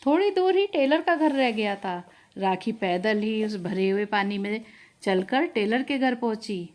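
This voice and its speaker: A woman narrating a scripted family storybook tale in a steady, even manner. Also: medium pitch, unhurried.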